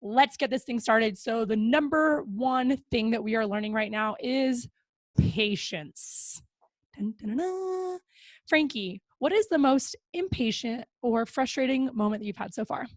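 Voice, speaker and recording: A young adult woman hosts a podcast in a casual chat, upbeat and talkative with plenty of fillers. Her voice is a little high and her pace measured, recorded on a close podcast mic with no room sound.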